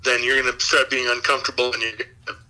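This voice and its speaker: A man chatting casually as a called-in guest, explaining things in a halting way. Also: medium pitch, level tone, bright, forceful tone, rough recording. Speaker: guest giving advice by call. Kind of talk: casual chat.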